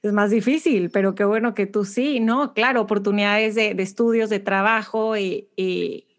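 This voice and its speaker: A woman's voice: medium pitch, fairly even intonation, normal speed. A woman hosting a podcast and asking her guest questions in a friendly, casual way. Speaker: podcast host and interviewer. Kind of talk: casual interview conversation.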